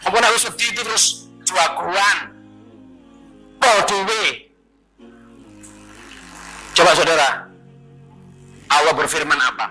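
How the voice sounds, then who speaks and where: A man with an East Javanese accent preaching in a bright, cutting voice that sits a little high. He jokes with the congregation and quizzes his listeners, then slows down to chant verses. Faint music plays underneath. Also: poor audio. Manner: jokey, conversational, quizzes the congregation; chants Quranic verses slowly. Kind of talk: sermon.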